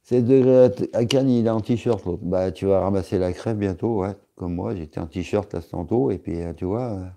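A male streamer talks loosely to his viewers, filling gaps with hesitations and teasing jokes. His voice sits low and sounds deeply warm and dark. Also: moderate pace, creaky, hardly any pauses. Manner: rambling, joking, many hesitations. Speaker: live streamer reading chat. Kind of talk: casual live-stream chat.

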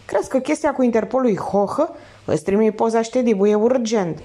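A woman's voice: a little high, mellow, pitched above the performer's own voice, lightly acted. A woman reading aloud and voicing a brash, mocking male thief who talks in street slang. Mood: scoffing.

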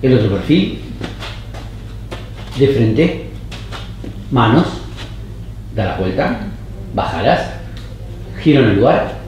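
A man directing actors on a casting tape with short, calm, even commands. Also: mid-range voice, slow pace, pauses often, a little hiss or hum. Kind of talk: giving short camera directions. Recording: roomy echoey studio.

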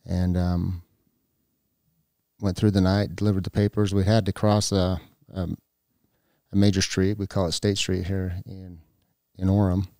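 A middle-aged man telling a personal story on a podcast, halting, with many restarts and fillers. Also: deep voice, level tone, dark tone, no room sound, studio quality. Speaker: guest. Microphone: podcast mic.

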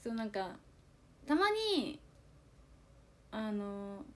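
A woman's voice: medium pitch, extremely slow. A young woman in an idol group chatting casually on a livestream, reading viewer comments and confiding in a self-deprecating way, acting out little quoted exchanges. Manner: animated, acts out little quoted exchanges in changed voices. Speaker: idol group member streaming live.

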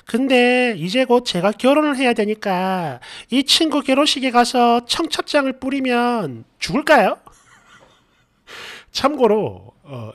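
A middle-aged man hosting a story channel, reading viewer posts and comments aloud with sarcastic, lively reactions, recorded at a desk mic in a small room. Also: extremely high pitch.

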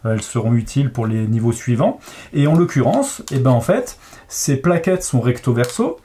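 A man's voice: mid-range voice, big pitch swings, normal speed, warm tone, slight background noise. A man who designs games, patiently explaining how a logic puzzle works in a casual chat, with frequent fillers. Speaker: game designer. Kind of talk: explaining a board game casually.

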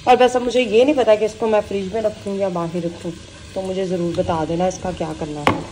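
Hoarse woman chatting through a cooking vlog. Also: mid-range voice, steady tone, a little fast, noisy background. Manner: chatty, often adds a polite "okay ji". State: hoarse from a sore throat. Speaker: vlogger. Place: home kitchen. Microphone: handheld phone.

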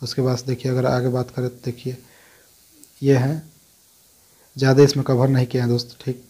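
A man's voice: medium pitch, warm tone. A man hosting a casual talk in which he answers viewer questions. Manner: conversational, repeats "dekhiye" and "dosto" often. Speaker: host answering viewer comments.

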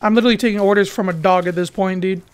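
Loud joking gaming YouTuber, man. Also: sits high, steady tone, rapid-fire, clear, resonant tone. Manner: loud, joking, swears a lot. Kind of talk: casual let's-play commentary.

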